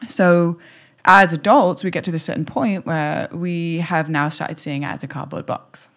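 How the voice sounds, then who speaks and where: A woman's voice: deep voice, a little slow. A woman podcast guest talking animatedly, playful and exuberant, acting out little scenes as she goes. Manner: playful, exuberant, acts out scenes with squeals and laughs. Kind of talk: animated conversational talk.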